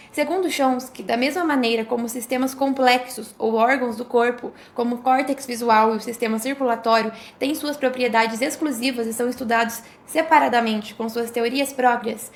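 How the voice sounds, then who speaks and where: Student presenter, young woman, high voice, reading her notes aloud steadily. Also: vocal fry. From Brazil. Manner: steady scripted reading with small restarts. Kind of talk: read-aloud academic explanation.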